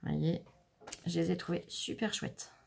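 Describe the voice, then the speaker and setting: A woman's voice: on the low side, flat delivery, measured pace, vocal fry, darkish tone, slightly rough. A woman chatting casually through a scrapbooking stamp haul, showing items one by one with frequent fillers. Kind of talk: casual haul video commentary.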